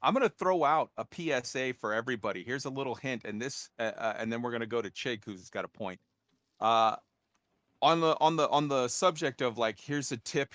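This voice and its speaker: A man hosting a live casual gaming roundtable, talking in an animated way and acting out quotes. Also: mid-range voice. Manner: animated, acts out quotes when telling tips. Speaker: host of a game roundtable. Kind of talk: live casual panel chat.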